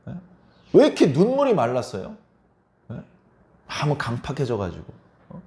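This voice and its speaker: A man's voice: medium pitch, huge pitch swings, normal speed, a little mellow. A middle-aged male pastor preaching a Sunday sermon in a church, pressing his listeners with repeated rhetorical questions. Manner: emphatic, keeps prodding listeners with rhetorical questions.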